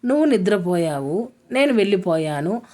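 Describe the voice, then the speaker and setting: A woman reading a storybook part for a timid, frightened young woman who answers softly and hesitantly. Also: mid-range voice, sing-song, normal speed, lightly acted. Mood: nervous. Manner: soft hesitant denials.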